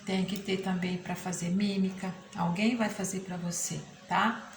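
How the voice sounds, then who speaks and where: A woman's voice: fairly low pitch, steady tone, a little slow. A woman teacher with a Brazilian Portuguese accent gives a remote lesson from a textbook, patiently checking in with her students. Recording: echoey room with background noise.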